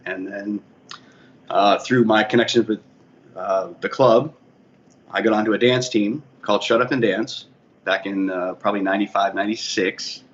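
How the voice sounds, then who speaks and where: This Boston-accented guest from the Boston area, a DJ and bar manager, recounts his career in a rambling, self-correcting way during a casual interview. He speaks at a normal speed in a lowish voice with fairly even intonation, and the recording is muffled with faint ambient noise.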